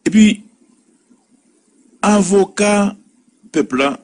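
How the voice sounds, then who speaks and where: A man's voice: high-pitched, drawn-out words. A man with a Haitian accent hosting a commentary show, talking in a sing-song way and repeating words for effect. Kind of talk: animated Creole commentary.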